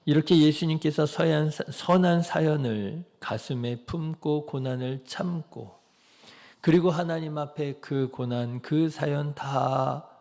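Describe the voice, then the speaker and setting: A man preaching an early-morning sermon as pastor, asking the congregation rhetorical questions and dropping softly into quoted prayers. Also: fairly high pitch, takes it slowly.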